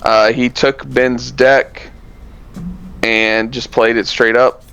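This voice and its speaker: Smooth-voiced man in relaxed podcast chat. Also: medium pitch, slow, no room sound, highs cut off. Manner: relaxed, rambling, many fillers and self-corrections. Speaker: podcast co-host. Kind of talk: casual chat recapping card tournaments.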